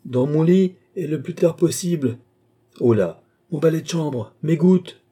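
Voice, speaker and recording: A man's voice: medium pitch, expressive, normal speed, dark tone, breathy edge. A man voicing a vain, sly and jovial very old marshal in a storybook reading. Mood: gleeful.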